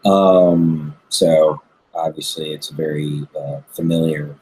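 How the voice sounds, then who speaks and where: A man hosting an interview, asking measured questions and summarizing his guest's points. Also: very deep voice, little pitch movement, darkish tone, slightly rough, rough recording. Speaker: interview host.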